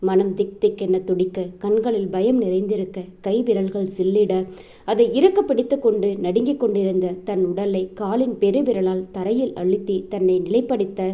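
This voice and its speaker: A woman narrating a romance novel as scripted storytelling, in a steady manner. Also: medium pitch, moderate pace.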